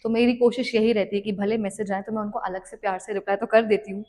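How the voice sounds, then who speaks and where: A young woman guest on a podcast, telling her story in a reflective, unhurried way and mixing English words into her speech. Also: mid-range voice, steady tone, warm tone. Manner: mixes English words into Hindi talk. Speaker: podcast guest, devotional content creator. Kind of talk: casual interview chat.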